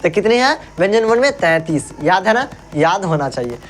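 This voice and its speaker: A man's voice: sits high, very animated, moderate pace, slight background noise. A male teacher giving an exam-prep grammar lesson, saying sounds aloud and asking and answering his own questions.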